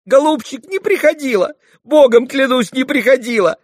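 A man voicing a frightened young maid who pleads in a high, breathless voice. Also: normal speed, no room sound, studio quality. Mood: terrified pleading.

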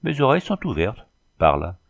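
A man reading an audiobook, voicing a terse, calm young Native woman who speaks in short formal sentences. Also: on the low side, brisk, creaky, heavily acted. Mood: cold. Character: stern, laconic young Native woman guide. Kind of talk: audiobook character voice.

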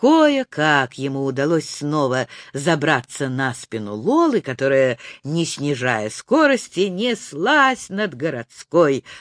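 Slow, expressive female storybook narrator. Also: deep voice, dry recording, studio quality. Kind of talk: audiobook narration.

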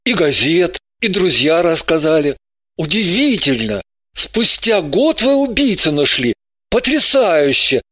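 Мужчина играет робкого серьёзного молодого человека. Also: male voice, on the high side, big pitch swings, unhurried, dry recording, clean studio sound, heavily acted. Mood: earnest. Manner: soft, hesitant and pleading. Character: shy, earnest young man seeking a killer. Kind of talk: audiobook character voice.

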